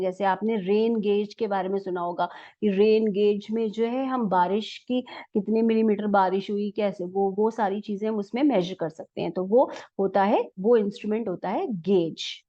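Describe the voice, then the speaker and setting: A woman's voice: fairly high pitch, mellow. A woman with an Indian accent teaching English pronunciation in a mix of Hindi and English, spelling words out and repeating them patiently. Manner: slow, spelled-out word by word, patient repetition. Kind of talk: explaining vocabulary lesson. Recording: dull lo-fi recording.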